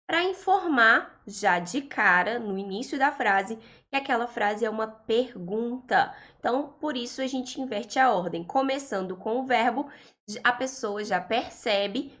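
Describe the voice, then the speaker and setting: A woman's voice: on the high side, fairly bright tone. A woman from Brazil with a Brazilian Portuguese accent, teaching English in an online lesson and patiently explaining grammar. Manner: slow, patient explaining, stretching out English examples.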